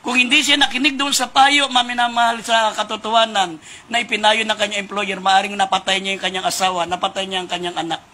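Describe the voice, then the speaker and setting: High, bright-voiced Filipino preacher. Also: male voice, little pitch movement, fast. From Philippines. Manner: addresses the congregation as beloved again and again, emphatic. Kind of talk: sermon storytelling.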